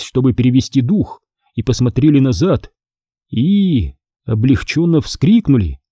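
A man's voice: mid-range voice, slightly rough, no echo, studio quality. A man narrating a children's horror audiobook, telling it expressively and doing every character's voice himself. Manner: expressive, does all the voices. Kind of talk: scripted horror story narration.

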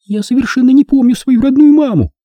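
A man's voice: very high voice, a little fast, dark tone, dry recording, voice pushed up. A male reader voicing a fragile young woman with a childish voice, complaining and reproachful. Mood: plaintive. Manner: plaintive, reproachful.

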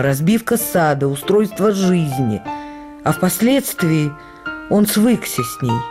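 An actress whose voice sits on the low side takes the role of a woman reflecting on her life with her late husband. She reads this memoir for radio in a measured, literary, expressive manner.

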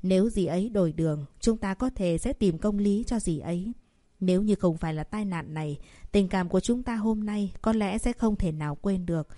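A woman's voice: mid-range voice, fairly quick, mellow, no room sound, studio quality, natural voice. A woman voicing an arrogant young rich husband in an audiobook, speaking curtly and commanding. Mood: stern.

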